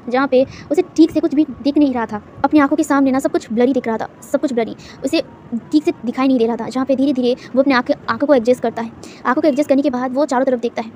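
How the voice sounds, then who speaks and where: A woman's voice: high-pitched, a little mellow, slight background noise. A woman narrating a fan story in a casual, chatty way, full of fillers and asides.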